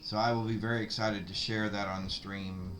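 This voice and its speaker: A man with a low voice chats casually in an easygoing, rambling way. A faint hiss of room noise sits behind him. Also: flat delivery, moderate pace, a bit bright. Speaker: streamer's partner. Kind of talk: casual chat.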